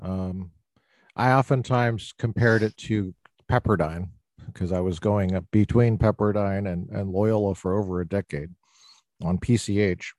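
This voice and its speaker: A man's voice: lowish voice, unhurried, a little mellow, no room sound. A man hosting a podcast, a professor chatting casually with a guest, with a teasing, joking manner. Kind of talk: casual interview chat.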